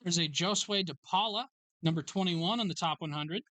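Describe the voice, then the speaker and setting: Bright, dry-voiced card break host. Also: mid-range voice, no room sound. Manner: brisk roll call of card names and numbers. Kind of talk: live card break commentary. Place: sports card shop.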